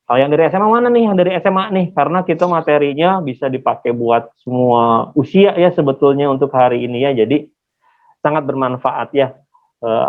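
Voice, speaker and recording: A man, chattily hosting an online class through a face mask and often asking listeners to confirm. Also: medium pitch. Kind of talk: casual, interactive webinar hosting. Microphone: video call. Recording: muffled, phone-like online call audio.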